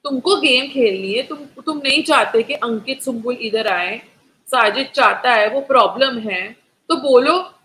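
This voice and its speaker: A young woman hosting a casual live stream, reviewing a reality show in animated talk that mixes in English and answers viewers in the chat. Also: on the high side, measured pace, rough recording.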